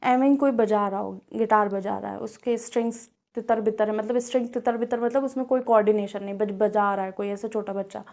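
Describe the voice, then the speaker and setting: A woman teacher with a Kanpur Hindi accent, giving a classroom physics lesson and explaining step by step, repeating key words and pausing on fillers. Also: mid-range voice, steady tone, darkish tone. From India.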